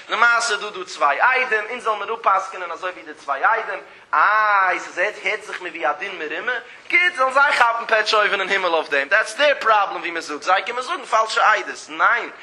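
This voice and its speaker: Male religious teacher, high keen voice; recites text lines, then explains them with lively emphasis. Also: a little fast, few pauses. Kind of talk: traditional religious text lecture.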